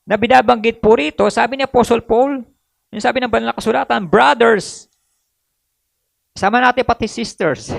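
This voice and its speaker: A man preaching a sermon, mixing in English, reading verses slowly and adding frequent tag questions and hesitations. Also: very high-pitched, gravelly, no room sound. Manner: switches between Tagalog and English, reads Bible verses slowly. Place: church.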